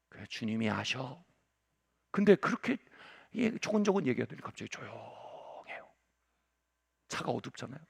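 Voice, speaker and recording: Man, 40s, pastor, sermon, dramatic storytelling, bright forceful tone, gravelly fry. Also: very high-pitched. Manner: dramatic storytelling with sudden shifts between loud outbursts and hushed asides; acts out quoted voices and cries out in prayer.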